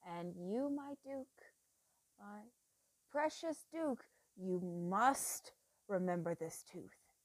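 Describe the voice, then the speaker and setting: A feverish, obsessive old doctor, as a woman reads him, speaking low and slow with a dry, close sound. His intense murmur breaks without warning into loud, heated bursts. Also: lively intonation, no echo. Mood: menacing, obsessive.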